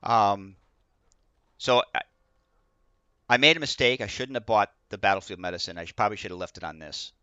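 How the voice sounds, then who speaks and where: Lower-voiced man second-guessing his choices. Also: a little fast, pauses often, sharp tone, smooth, dry recording. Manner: hesitant, second-guessing himself. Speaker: channel host playing the game. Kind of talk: casual gaming chat. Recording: dull lo-fi sound with faint music.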